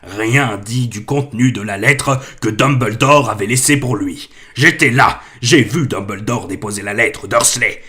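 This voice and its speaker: A huge gruff half-giant gamekeeper from a storybook, as a male reader puts him on. He talks slowly and heavily in a low, deep voice and booms out when his temper flares. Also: pushed and bright. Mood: thundering. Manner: slow, heavy, booming when angry.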